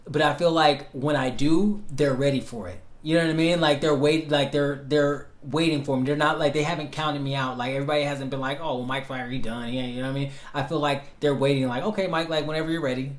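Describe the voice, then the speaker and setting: A man's voice: a little high, fairly even intonation, fast talker, few pauses. A man in his late thirties, talking in a rambling, reflective way with many fillers and restarts, as host answering questions about his life. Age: 30s. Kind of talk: casual self-interview. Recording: roomy echo.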